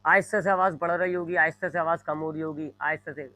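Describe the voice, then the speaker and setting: A man's voice: fairly high pitch, steady tone, fast, pushed and bright, poor audio. A male physics teacher, giving a classroom lecture, explaining with repeated everyday examples and drawing on a board as he talks. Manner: explains with repeated examples, frequent "जी", mixes English terms; draws on a board while talking. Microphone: microphone.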